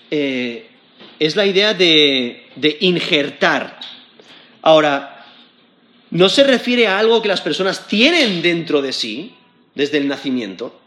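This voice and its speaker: A man delivers an earnest sermon, often repeating words and restarting phrases. His voice sits a little high for a man, and the room gives it a noticeable echo. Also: a bit bright. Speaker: preacher.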